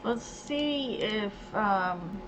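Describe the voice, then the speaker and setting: Woman, gaming host, casual muttered commentary, slow talk, steady background hiss. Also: medium pitch. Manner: muttering, reads card text aloud, grumbles at the game. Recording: dull lo-fi sound with steady noise.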